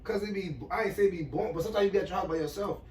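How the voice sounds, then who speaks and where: A man's voice: sits high, rapid-fire, a little hiss or hum. A man telling a story in casual chat as a podcast co-host, profane and often laughing. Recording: echoey room, far from mic.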